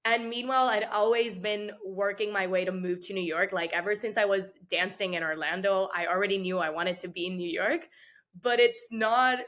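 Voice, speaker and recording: This interview guest, a dancer from Puerto Rico in her twenties, has a mid-range voice and talks at an ordinary speed. She is soft-spoken and chatty, sprinkling "like" throughout her replies.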